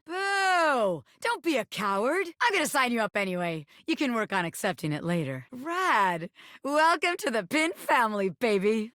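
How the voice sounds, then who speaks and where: A woman's voice: medium pitch, fairly bright tone, no room sound, studio quality. A woman voicing a brash living bobby pin in a video game, a playful wannabe gangster who talks in cocky, teasing street slang. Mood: bossy, playful. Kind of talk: video game character voice acting.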